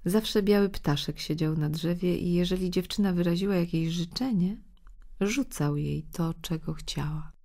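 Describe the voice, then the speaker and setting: Low-voiced woman reading a fairy tale. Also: normal speed. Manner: gently expressive, voicing the characters' lines. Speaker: audiobook narrator. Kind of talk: storybook narration.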